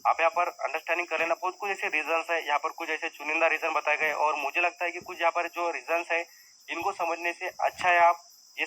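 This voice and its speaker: Bright-voiced man explaining stock market lists. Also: fairly high pitch, low-quality recording. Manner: repetitive, conversational teaching with many fillers. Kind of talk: explanatory screen-share lesson.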